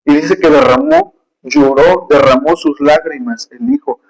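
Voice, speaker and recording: A man's voice: on the high side, sing-song, a little slow, vocal fry, poor audio. A man preaching a sermon with emotion and emphasis, telling personal stories, reading scripture aloud and calling his listeners brothers.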